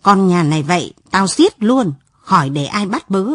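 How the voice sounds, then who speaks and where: A woman's voice: mid-range voice, lively intonation, moderate pace, no echo, clean studio sound, lightly acted. A woman voicing a stern, harsh old father who scolds and threatens. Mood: threatening.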